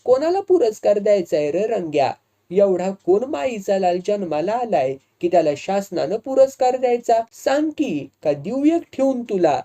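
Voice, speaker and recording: A man voicing a hot-tempered, boastful village wrestler who talks in a rough rustic way and threatens people. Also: a little high, unhurried, dark tone, close to an everyday voice. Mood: blustering. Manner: blustering, threatening, rustic speech.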